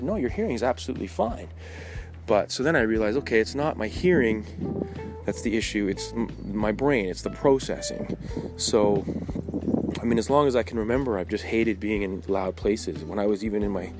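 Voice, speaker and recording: Low-voiced man talking while walking. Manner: candid, rambling delivery with repeated false starts. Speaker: podcast host. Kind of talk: casual personal monologue. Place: outdoors in the woods, on a walk.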